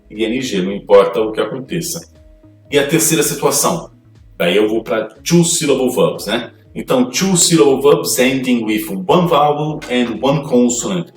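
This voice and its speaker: A man's voice: medium pitch, a little mellow, distant mic. A man teaching an English grammar lesson, reading rules aloud and explaining them step by step. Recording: echoey room, voice off-mic, faint music.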